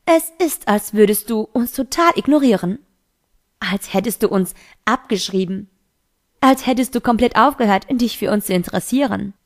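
A woman's voice: medium pitch, expressive, normal speed, natural voice. A woman voicing a teenage boy who insistently questions a close friend, in an amateur audiobook reading. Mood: earnest.

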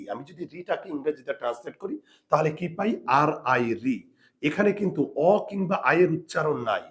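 Male language teacher, somewhat high voice, patient and repetitive, steady classroom delivery. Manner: patient, repeats rules slowly for students. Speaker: Bengali grammar teacher. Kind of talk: spelling lesson to students.

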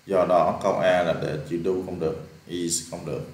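A lowish-voiced man with a Vietnamese accent explains English grammar exercises one by one, patient and methodical, repeating key words. His voice rings in a roomy, echoing space. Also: steady tone, moderate pace, creaky, a little mellow. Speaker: English teacher.

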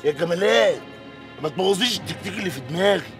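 An actor playing a stubborn, secretive brother with an Egyptian accent, gruff and defensive. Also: male voice, high voice, animated, racing, fairly bright tone, faint music behind.

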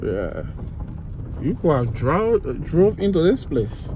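A man's voice: fairly high pitch, big pitch swings. A man talking casually while he drives and films, repeating himself with emphasis and restarting his sentences. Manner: repetitive, emphatic, halting with restarts. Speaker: vlogger touring a site. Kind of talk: casual narration while driving. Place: in a car, outdoors in open land. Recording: outdoor recording with clear car noise.

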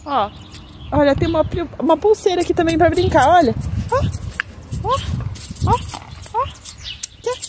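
A woman's voice: very high-pitched, animated, moderate pace, long pauses, background noise. A woman filming her dogs on a phone, talking to them in coaxing, sing-song baby talk. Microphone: phone camera.

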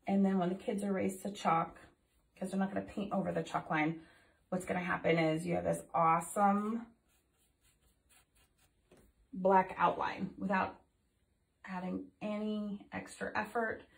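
Long pauses break up this casual painting tutorial by a middle-aged art teacher in her home studio, who chats as she works and says um a lot. She speaks at a measured pace in a flat, medium-pitched voice with vocal fry, a little off from being recently ill. Her voice lands off-mic in an echoey room, since the overhead phone camera is set away from her.

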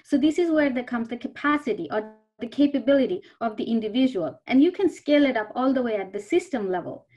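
Woman from Bangladesh, thirties, fairly high voice, earnest storyteller, video call audio. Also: animated, fast talker, hardly any pauses, a little mellow. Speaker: panelist, food security researcher. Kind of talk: online panel talk. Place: indoors before a virtual backdrop.

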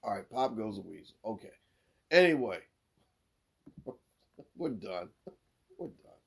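A lively sports podcast host tells corny jokes in a casual way and cracks himself up at the punchlines, going from loud to mumbled. His voice is on the low side, a little slow, creaky, and husky.

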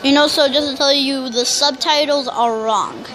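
High-pitched young gamer who says w for r. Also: fairly even intonation, moderate pace, a little hiss or hum, low-quality recording. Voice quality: speech impediment, cannot say R's correctly, says w for r. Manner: rambling, self-described loud talker. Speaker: YouTuber. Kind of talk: casual gameplay commentary.

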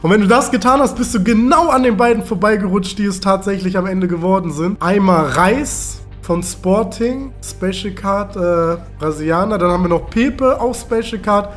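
A man's voice: sits high, normal speed, few pauses, faint music behind. A young man in casual gaming chat, talking as the opponent in a match. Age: young adult. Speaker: guest gamer, opponent in the match. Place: living room with large windows.

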